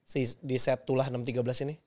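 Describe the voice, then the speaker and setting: A man's voice: mid-range voice, flat delivery, quick pace, darkish tone. A man hosting a podcast, asking playful, teasing questions in casual chat. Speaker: podcast host.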